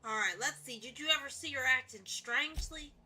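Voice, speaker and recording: A woman's voice: sits high, fairly quick, pushed and bright, husky. A woman streaming a video game, chatting playfully and swearing casually while she reads along.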